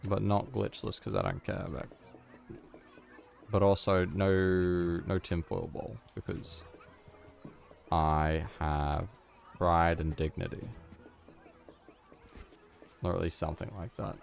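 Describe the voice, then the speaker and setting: A man's voice: low voice, fairly even intonation, slow pace, creaky, long pauses. A man giving casual, mumbling commentary while playing a video game, with self-deprecating asides. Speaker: gamer.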